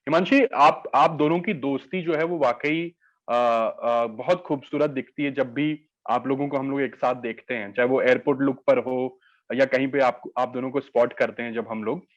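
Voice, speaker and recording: A man's voice: medium pitch, moderate pace, lo-fi sound. A man hosting an entertainment interview, asking formal, flowery questions with many "uh" fillers.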